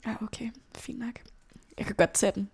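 A young woman telling a personal story as an interview guest, in a casual, halting way with many fillers and casual swearing. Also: fairly high pitch, steady tone, vocal fry, a little mellow, husky. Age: young adult.

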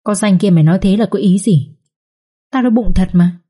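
A woman's voice: medium pitch, fairly quick, warm tone, natural voice. A woman voicing a scheming young servant girl who whines and pleads, in a read-aloud story. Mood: defensive. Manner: whining, pleading.

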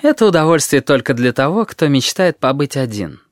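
A man's voice: a little high, sing-song, brisk, dry recording, studio quality. A man voicing a blunt, cool-headed teenage boy who speaks dryly in an audiobook.

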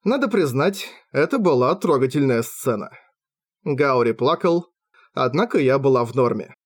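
A man narrating a fantasy audiobook in the first person, with lively storytelling on a close mic. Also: mid-range voice, moderate pace. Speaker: audiobook reader.

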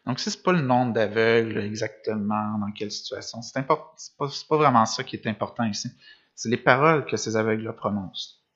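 A man with a lowish, slightly bright voice speaks fairly quickly as he preaches. He reads gospel passages aloud, then unpacks them through rhetorical questions, with a few restarts along the way. The setting is a church or meeting room with a screen behind him, captured in dull lo-fi sound.

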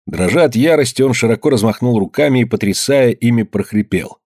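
Husky male audiobook narrator. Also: medium pitch, animated, a little fast, a little mellow, dry recording, clean studio sound.

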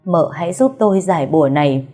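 A woman's voice: fairly low pitch, fairly even intonation, takes it slowly, mellow, slightly rough, faint music behind. A woman voicing the tormented ghost of an older nanny who weeps and begs for help. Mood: weeping plea. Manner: weeping, pleading urgently.

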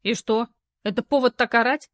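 A woman voicing a rude, hurried young man who talks quickly and sneers. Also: fairly high pitch, fairly even intonation, fairly bright tone, lightly acted.

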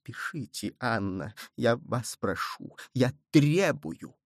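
Give me a man putting on a cowardly, shrill old cardinal. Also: sing-song, slow pace, creaky, a little mellow, no echo, clean studio sound, full character voice. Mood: urgent, muttering. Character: cowardly, panicky male cardinal.

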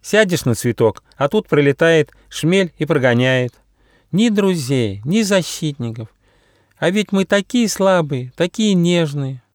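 Man reading as a tender female butterfly, very high, lilting, fairy-tale audiobook, dry studio sound. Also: animated, a little slow, dry recording. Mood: plaintive. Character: delicate fragile female butterfly, emotional. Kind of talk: audiobook character voice.

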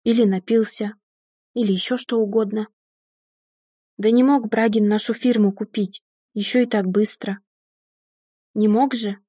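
A woman reading a novel aloud in the first person, telling it in a measured, wry way. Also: mid-range voice, fairly even intonation, mellow, slightly rough, no echo, studio quality. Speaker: audiobook narrator.

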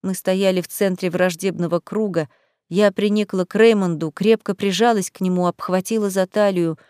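A woman narrates a first-person fantasy audiobook with expressive, emotional reading. Her voice sits in a middle register. The recording is dry and close. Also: medium pitch, moderate pace, smooth, no room sound.

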